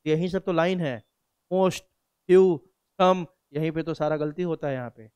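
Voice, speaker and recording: A man's voice: on the high side, a little slow, a little mellow, clean tone, dry recording, dull audio. A male biology teacher, lecturing a class in a conversational way, asking questions and answering them himself and often checking that students follow. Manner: asks and answers own questions; frequent checks like "samjhe".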